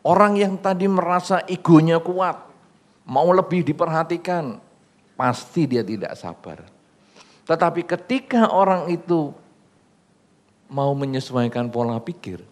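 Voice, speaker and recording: A man's voice: medium pitch, unhurried, pauses often. A man giving a Buddhist sermon in a casual, conversational way, asking the audience questions and acting out the people in his examples. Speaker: Buddhist monk giving a Dhamma talk.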